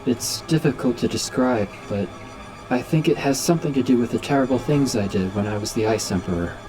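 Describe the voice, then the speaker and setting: A man's voice: medium pitch, fairly quick, over music, lightly acted. A man voicing a troubled android ninja who speaks formally and precisely, in a fan-made audiobook.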